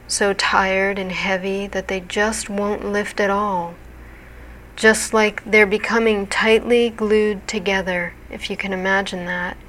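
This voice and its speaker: A woman narrating a guided hypnosis relaxation in a soothing, deliberate, measured manner. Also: mid-range voice, fairly bright tone, a little hiss or hum.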